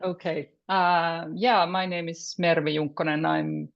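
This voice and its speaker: A woman speaks slowly in a low, gravelly voice over dull, lo-fi video call audio. She introduces herself haltingly as a filmmaker guest, with soft laughs between her phrases. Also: flat delivery. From Finland.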